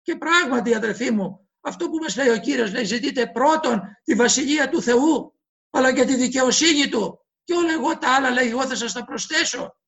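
A man's voice: very high-pitched, vocal fry, fairly bright tone. A man preaching a sermon, impassioned and acting out the voices he quotes.

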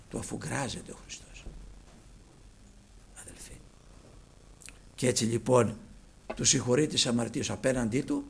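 A man preaching a sermon, swinging from loud cries to hushed near-whispers. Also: fairly high pitch, gravelly, slight background noise.

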